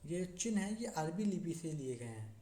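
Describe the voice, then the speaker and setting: A teacher giving a slow classroom lesson, repeating points and checking in as they explain. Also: medium pitch, very animated, mellow. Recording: echoey room with faint noise.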